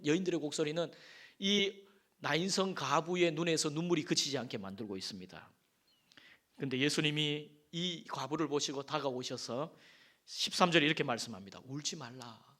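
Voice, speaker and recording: A man's voice: a little high, fairly bright tone. A man preaching a Sunday sermon in a church, swelling his voice for emphasis, asking the congregation questions and telling folksy stories. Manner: folksy storytelling with asides and affirming "yes". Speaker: pastor. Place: church sanctuary.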